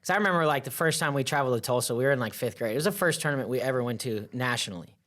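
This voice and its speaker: A man coach telling stories in casual podcast chat, lively and acting out quotes. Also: mid-range voice, rapid-fire. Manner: storytelling, lively, acts out quotes. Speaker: wrestling coach.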